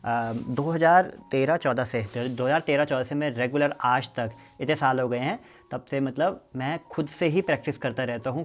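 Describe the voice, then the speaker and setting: A young man from the Uttarakhand hills, vlogging casually and talking straight to his viewers outdoors at his village home. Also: medium pitch. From Uttarakhand hills, India. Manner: chatty, quick, speaks to viewers directly. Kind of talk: casual village vlog talk to camera.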